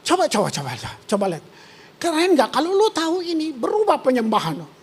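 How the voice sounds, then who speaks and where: A woman pastor, preaching a sermon in an animated, slangy way with English words mixed in. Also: high-pitched, fast.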